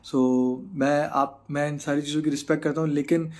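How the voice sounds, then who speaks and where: Speaking in a slightly high monotone, this man in his thirties reads and responds to live chat comments during a stream. He's a bodybuilder with a Pakistani accent who blends English into casual Urdu and pauses often with fillers.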